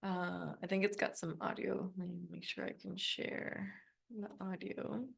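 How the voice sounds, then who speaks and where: Woman, mid pitch, noticeable vocal fry, casual online teaching, upbeat and chatty. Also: flat delivery, unhurried. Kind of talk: casual live software demo. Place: online video class with screen share.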